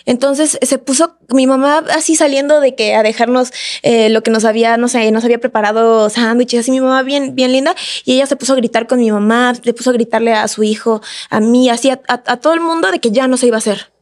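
A woman, a podcast guest telling a personal story in a casual, animated way and acting out the voices of the people in it. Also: fairly high pitch, fast. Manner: animated, acts out the voices of others in her story.

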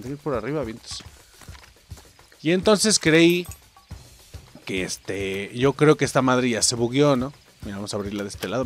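A young man with a Mexican accent giving casual, slangy gameplay commentary as a channel host, swearing often and talking straight to his viewers. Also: mid-range voice. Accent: Mexican Spanish. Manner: excitable, slangy, swears a lot, addresses viewers directly.

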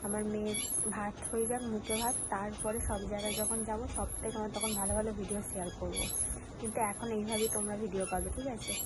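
A young woman with a cold and a sore throat, chatting softly to her viewers at home as a family vlogger. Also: mid-range voice, flat delivery, fast talker. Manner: soft-spoken, talking quietly while her baby sleeps. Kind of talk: casual chat to viewers. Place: at home indoors. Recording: noisy home recording.

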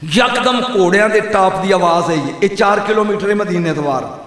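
A man with a Punjabi accent preaching an emotional sermon, moving from hushed storytelling to high wailing shouts and calling out to his listeners. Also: a little fast. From Pakistani Punjab. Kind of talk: impassioned religious sermon. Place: large gathering before a crowd. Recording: booming echo of a big hall.

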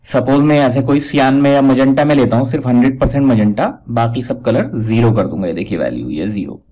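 A man giving a casual step-by-step software tutorial, pointing out each step as he goes. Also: medium pitch, poor audio. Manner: talks step by step, repeats "dekhiye" while pointing things out. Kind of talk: casual screen-recorded tutorial.

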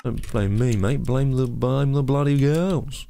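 A man's voice: medium pitch, unhurried, creaky, mellow, soft background music. A man putting on a hungover male sports commentator who partied too hard and rambles sheepish excuses.

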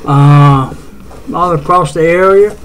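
A middle-aged man with a West Tennessee Southern accent hosts a casual, amateur weather show from home, rambling with lots of fillers and restarts. His voice is a little high and clean-toned, and he speaks slowly. The recording is rough.

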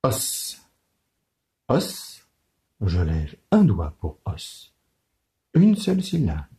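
A man teaching young children to count syllables, with a low, mellow voice. His delivery is very slow and deliberate, and his pitch swoops high and low in a sing-song way. Each word is spelled out gently and clearly. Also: huge pitch swings.

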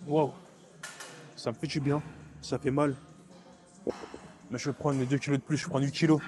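A young man filming a workout vlog in a gym, talking to the camera in quick, clipped bursts and stumbling over repeated words as he stutters. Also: mid-range voice, flat delivery, darkish tone, faint music behind. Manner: counts reps aloud while lifting, strained and breathy. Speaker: fitness vlogger. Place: gym, indoors.

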